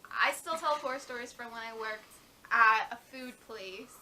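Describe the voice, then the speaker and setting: A young woman co-hosts a casual vlog, blunt and quick to chime in. Her voice sits a little high and sounds bright. A faint hiss of noise runs under the recording. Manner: blunt, quick interjections, gives advice. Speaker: vlog co-host. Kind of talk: casual chat.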